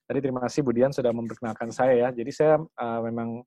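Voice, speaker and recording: A man's voice: fairly even intonation, fast talker, mellow. A man giving an upbeat online business presentation over a video call. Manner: upbeat sales pitch.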